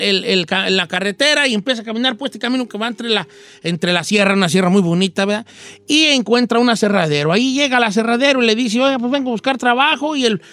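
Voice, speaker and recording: A man's voice: high-pitched, pushed and bright. A man with a Mexican accent playing a folksy old rancher who hosts a radio show and tells a rambling, slangy joke, acting out voices and axe sounds.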